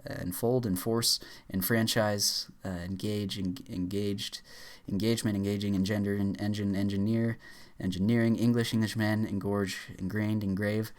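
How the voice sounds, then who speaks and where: A man with a lowish voice races through a spoken word list, one entry after another. He trips over words now and then, breaks off mid-word and restarts, filling gaps with quick uh sounds. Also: flat delivery. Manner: rushed, stumbling with frequent uh fillers and restarts. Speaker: YouTuber. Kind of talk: rapid-fire reading aloud of a word list.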